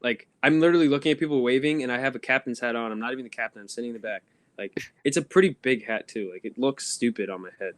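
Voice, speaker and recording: A man's voice: mid-range voice, very fast. A young man co-hosting a casual podcast, telling long rambling stories full of ums and laughs. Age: young adult. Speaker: podcast co-host. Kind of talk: casual chat. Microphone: phone.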